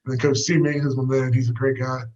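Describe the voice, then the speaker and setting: Young US man, quick relaxed storyteller on a walk, slightly muffled recording. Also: mid-range voice. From United States. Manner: easygoing, rambling with many fillers. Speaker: guest, fighter. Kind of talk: casual storytelling interview. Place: walking outdoors.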